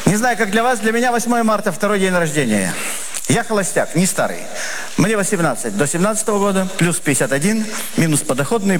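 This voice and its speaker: A man delivering a comic monologue in a deadpan, wry, mock-confessional way. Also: high voice, slight background noise. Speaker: comic performer.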